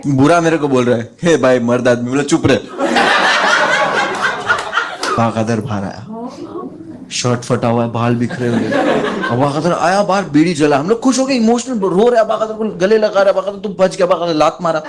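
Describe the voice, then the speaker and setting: A man doing standup, telling a long comic story and putting on high voices for the people in it. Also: brisk, heavy background noise. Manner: animated, jumps into high voices for friends in the story. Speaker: standup comedian.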